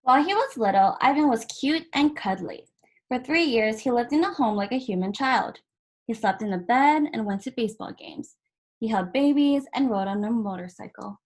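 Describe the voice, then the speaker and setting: Reading a picture book to children, a volunteer with a fairly high, expressive voice delivers the story in short, measured phrases separated by small pauses.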